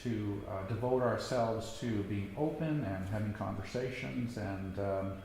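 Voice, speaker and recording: A man in his sixties giving a reflective personal talk, halting with many ums and restarts. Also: lowish voice, creaky, a little mellow. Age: 60s. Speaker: guest speaker. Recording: echoey hall, faint background noise.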